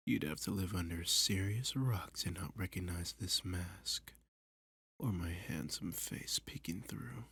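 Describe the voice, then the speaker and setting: Heavily acted, this ASMR roleplay has a man playing a masked villain who is both flirty and menacing. His low, slightly bright voice stays breathy and husky, often dropping to a whisper, as he teases, dominates and condescends, with no room sound.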